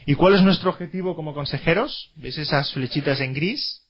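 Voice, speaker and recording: A man's voice: fairly high pitch, moderate pace, highs cut off. Emphatic man lecturing. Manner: emphatic, repeats key words, asks rhetorical questions. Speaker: teacher. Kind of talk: classroom lecture.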